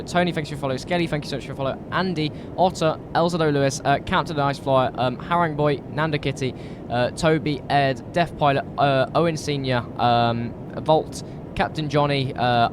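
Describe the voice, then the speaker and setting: A British man with a slightly croaky voice from a cold, chatting informally and thinking aloud as he live streams a flight sim. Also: on the high side, noisy background. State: recovering from a cold. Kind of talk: casual live stream chat while flight simming.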